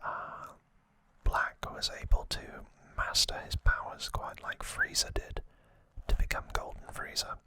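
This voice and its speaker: This man runs an ASMR video and offers a casual rundown in an airy, voiceless whisper that stops and starts intimately. There's a bright, forceful quality to his tone.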